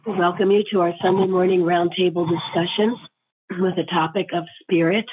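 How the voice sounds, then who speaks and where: Lady hosting a discussion group, thin squeaky hoarse voice, kinda husky, sounds like a phone call. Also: fairly even intonation, a little fast. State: hoarse, croaky. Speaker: discussion host. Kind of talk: welcoming a roundtable discussion.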